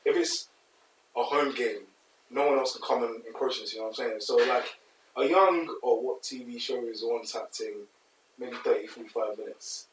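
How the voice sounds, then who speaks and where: A man's voice: mid-range voice, moderate pace, recorded from a distance. A man in his twenties with a London roadman accent, chatting casually in slang with friends and repeating words to hold the floor. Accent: London roadman, multicultural London slang. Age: 20s. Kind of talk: casual group banter. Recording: echoey room, off-mic, noisy.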